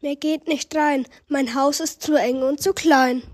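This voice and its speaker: Woman as a frantic grandma, high voice, loud rhyming outcries. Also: fairly even intonation, a little slow. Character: frantic old grandmother, crying for help. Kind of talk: rhyming story reading.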